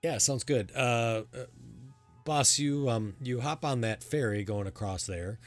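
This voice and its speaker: A man narrating a tabletop game as game master in a casual, halting, informal way. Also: mid-range voice, soft background music.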